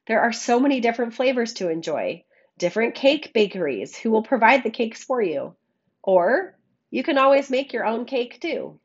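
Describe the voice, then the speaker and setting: A woman podcast host with a scratchy frog voice, hoarse from a cold, giving a reflective monologue and addressing listeners affectionately on a makeshift microphone. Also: a little high, lively intonation, normal speed, highs cut off. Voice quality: scratchy, froggy voice. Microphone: makeshift microphone, not a studio one.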